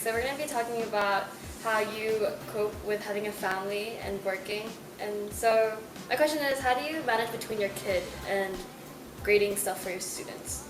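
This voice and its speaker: A woman's voice: medium pitch, normal speed, reverberant, noisy background. A woman interviewing teachers for a school TV show, chatty and casual. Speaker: student interviewer. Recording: distant mic with loud music.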